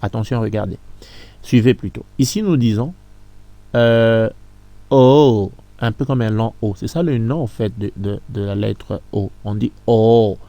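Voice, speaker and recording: Brief: male phonics teacher, mellow and dry, slow deliberate delivery, patient repetition. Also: fairly low pitch, no room sound. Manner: patient, repeats words slowly, chuckles. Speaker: English teacher. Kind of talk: phonics lesson reading word lists.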